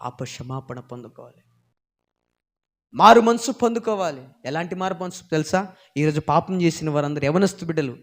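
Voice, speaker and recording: A man preaching a sermon, swinging between loud impassioned peaks and low hushed asides, with many rhetorical questions for his listeners. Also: moderate pace.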